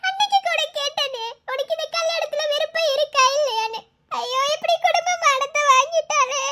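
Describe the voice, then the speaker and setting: A performer voicing a distraught middle-aged mother in a cartoon who laments loudly and keeps crying out. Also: extremely high pitch, normal speed. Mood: wailing.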